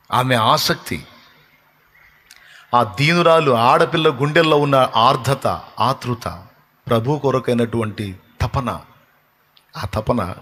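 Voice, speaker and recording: A man's voice: mid-range voice, a bit bright. A man pastor preaching a sermon in an emphatic, repetitive rhetorical style. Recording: long hall reverb.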